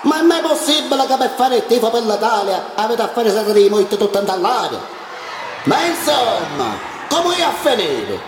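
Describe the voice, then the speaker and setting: A man voicing an indignant, foul-mouthed Sicilian who scolds loudly in dialect in a comic tale, in a roomy, noisy recording. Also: high-pitched, big pitch swings, moderate pace. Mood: outraged.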